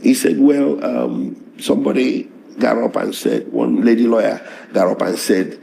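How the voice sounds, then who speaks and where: A middle-aged lawyer with a hoarse, strained voice, recounting events in a measured, halting interview manner. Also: male voice, medium pitch, dark tone, slight background noise. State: hoarse, voice strained after tear gas.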